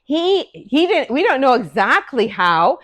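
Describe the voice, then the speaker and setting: An older woman telling a Bible story to a class of children, animated and speaking to them directly. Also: sits high, a little slow.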